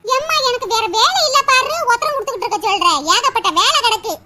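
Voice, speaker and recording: A whiny, greedy cartoon sister-in-law. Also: female voice, lively intonation, fast talker, bright, forceful tone, full character voice. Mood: cheeky. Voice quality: squeaky, whiny, sarcastic.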